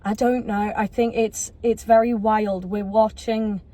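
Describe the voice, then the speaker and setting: A woman's voice: medium pitch, level tone, dark tone. A woman, co-hosting a podcast in rambling, self-interrupting casual chat. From Yorkshire, England. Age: 20s. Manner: rambling, self-interrupting, quick to laugh along. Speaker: podcast co-host.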